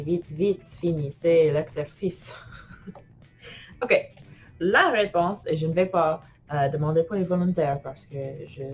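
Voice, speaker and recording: A woman teaching French grammar in an online lesson, playful and laughing often as she types and talks to herself. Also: lowish voice.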